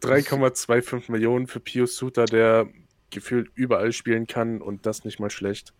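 A man co-hosting a casual podcast, speaking in an animated, exclaiming way. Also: mid-range voice, normal speed, no room sound, studio quality. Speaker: podcast co-host.

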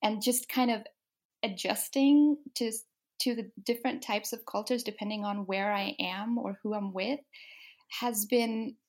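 A young woman from Denmark talks about herself as a guest author in a casual interview. Her mid-pitched voice has a gravelly, creaky edge, and she pauses often with ums and restarts. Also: fairly even intonation. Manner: soft-spoken, many ums and restarts.

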